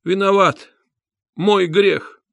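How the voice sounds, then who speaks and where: A man's voice: sits high, steady tone, vocal fry, a bit bright, no room sound, clean studio sound, pitched above the performer's own voice, exaggerated voice. A man voicing Nikolai, a breathless confessing prisoner. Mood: desperate confession. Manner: breathless, halting, strained. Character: Nikolai, pale young male prisoner confessing.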